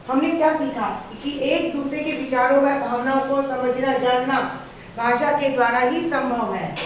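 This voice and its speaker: High-voiced teacher in an echoey room. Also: female voice, slight background noise. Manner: slow, patient explaining with questions to the children. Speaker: school teacher. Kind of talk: classroom grammar lesson for young children. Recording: echoey, distant, dull lo-fi sound.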